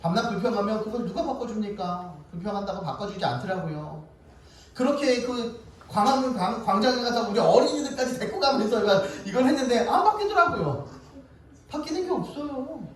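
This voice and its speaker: Male pastor, animated storyteller, slightly high voice, booming church echo. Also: fairly quick. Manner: animated storytelling with a laugh in his voice. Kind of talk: sermon. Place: church sanctuary. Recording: echoey church hall from far off, faint noise.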